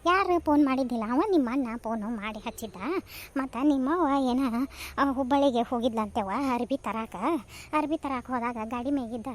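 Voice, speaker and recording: A woman playing a fussy, talkative village mother-in-law in a cartoon, speaking with a North Karnataka Kannada accent. Her voice sits high and sing-song. She talks in long, soothing runs. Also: slight background noise, close to an everyday voice. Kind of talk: cartoon voice acting.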